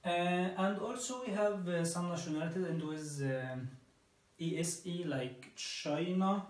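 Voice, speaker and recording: Male English teacher, slightly high voice, recorded far off in a roomy space. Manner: slow, repeats with checking "okay?". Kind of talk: classroom lesson. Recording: echoey room, mic at a distance.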